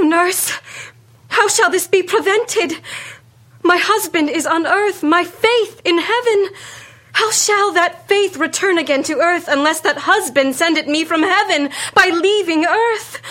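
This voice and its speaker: An actress playing a desperate young daughter who pleads and grieves in classical verse. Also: female voice, very high voice, takes it slowly, fairly bright tone, exaggerated voice. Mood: pleading. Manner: pleading, anguished.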